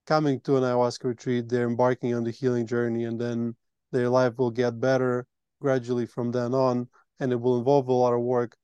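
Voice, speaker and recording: A man's voice: mid-range voice, level tone, a little fast, mellow, clear, resonant tone, no room sound, lo-fi sound. A man hosting a retreat, explaining earnestly in a conversational interview. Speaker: retreat host.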